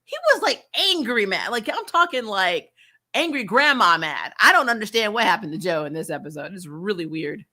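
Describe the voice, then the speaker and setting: In a casual, opinionated review chat, a TV recap channel host talks bluntly and with exasperation, swearing and repeating herself to stress her points. Her medium-pitched voice is sing-song, pushed, and bright, at a moderate pace.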